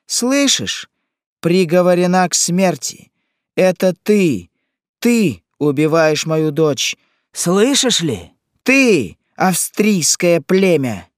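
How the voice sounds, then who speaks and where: A man's voice: a little high, lively intonation, slow, slightly rough, dry recording, clean studio sound, heavily acted. A man reading an audiobook, voicing a frantic grieving old mother who shrieks and accuses. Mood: raging. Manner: shrieking, accusing, sobbing outbursts. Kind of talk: audiobook character voice.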